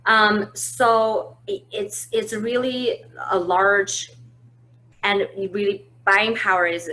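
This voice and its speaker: A woman from China, a marketing manager, hosts a relaxed business webinar from her home, full of fillers and restarts. Her voice is deep with a sharp edge, and the poor recording carries a slight hiss or hum.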